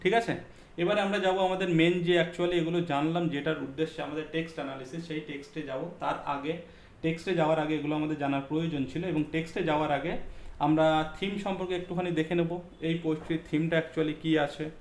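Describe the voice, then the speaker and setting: A man's voice: on the high side, little pitch movement, fast, slight background noise. Man teaching a poetry lesson, echoey. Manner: explains step by step, checks understanding with questions; mixes English terms into speech, frequent fillers. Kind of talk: exam-focused literature lesson. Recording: echoey room.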